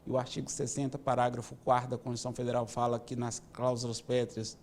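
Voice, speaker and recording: Mellow-voiced man in his fifties. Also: medium pitch, little pitch movement. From Minas Gerais, Brazil. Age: 50s. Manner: measured, explanatory, with many "né" tags. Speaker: police chief, interview guest. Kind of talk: interview answers.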